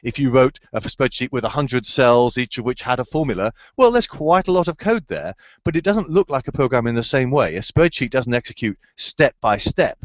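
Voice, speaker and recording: A man's voice: mid-range voice, sing-song, normal speed, hardly any pauses, no echo. Man explaining over a video call. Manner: enthusiastic, searching for words with fillers and restarts. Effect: heard over a video call. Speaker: computer science researcher answering student questions. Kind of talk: explanatory answers in a remote Q&A. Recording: slightly dull, dry video-call audio.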